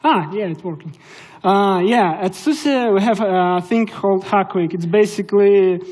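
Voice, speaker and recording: A young man with a Russian accent presents at a tech conference in a conference hall, sounding casual and hesitant with many fillers. His voice is high-pitched with a darkish tone and a slightly slow pace.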